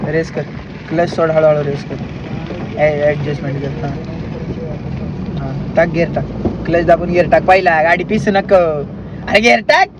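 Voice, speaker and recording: A man's voice: a little high, little pitch movement, a little slow, pauses often. A man from Maharashtra coaching a driver from the passenger seat, repeating short, bossy commands over and over. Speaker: driving instructor. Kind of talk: casual in-car coaching. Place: inside a car on the road. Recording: muffled, with loud road noise.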